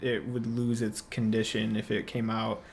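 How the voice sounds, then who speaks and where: A man co-hosting a podcast, chatting casually about movies, relaxed and quick to laugh. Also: on the low side, creaky, a little hiss or hum. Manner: relaxed, laughs often, lots of fillers. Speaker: podcast co-host. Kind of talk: casual movie review chat.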